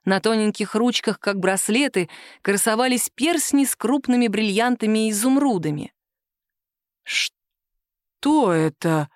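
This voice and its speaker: Женщина читает аудиокнигу, выразительно рассказывая историю. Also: female voice, fairly high pitch, normal speed, no echo, clean studio sound. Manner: expressive storytelling. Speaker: audiobook narrator. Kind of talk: scripted narration.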